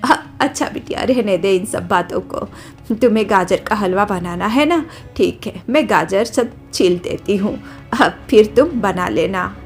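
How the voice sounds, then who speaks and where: A woman voicing a kind, modest elderly mother-in-law in a cartoon story, talking softly. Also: mid-range voice, expressive, a little slow, soft background music. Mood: gentle.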